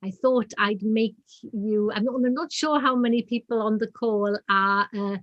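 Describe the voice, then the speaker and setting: Higher-voiced Welsh woman giving a talk. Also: measured pace, lo-fi sound. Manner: conversational, explanatory, slips into Welsh phrases. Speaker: guest speaker, professor. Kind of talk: informal lecture with slides over video call. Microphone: video call.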